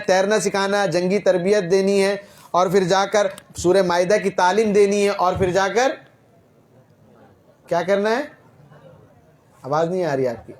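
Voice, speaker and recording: A man preaching a sermon, telling stories and quizzing his listeners with rhetorical questions, his voice rising and falling in loudness. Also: sits high. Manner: rhetorical questions to the audience, dramatic swings in loudness. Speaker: Islamic preacher. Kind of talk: Urdu sermon with storytelling.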